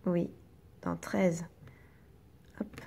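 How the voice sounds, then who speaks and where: A woman teacher, slowly and patiently guiding young children through reading exercises and sounding out each syllable. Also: lowish voice, little pitch movement, gravelly, mellow.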